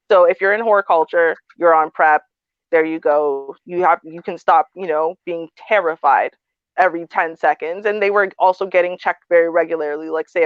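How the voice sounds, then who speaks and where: A woman's voice: on the low side, no room sound. A woman talks bluntly and frankly in a casual panel discussion, scattering fillers as she goes. The recording is dry and dull, with little room sound and a muffled top end. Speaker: panel host.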